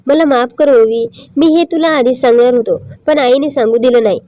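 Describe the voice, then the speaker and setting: A woman reading the lines of a gentle young husband who earnestly apologizes and pleads with his wife. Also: sits high, normal speed, close to an everyday voice.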